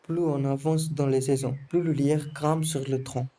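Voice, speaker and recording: Teen boy narrator, scripted voice-over, steady monotone delivery, mellow and very dark. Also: mid-range voice, unhurried. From Sri Lanka. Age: teens. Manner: calm, careful reading, short phrases. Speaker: student narrator of a school film.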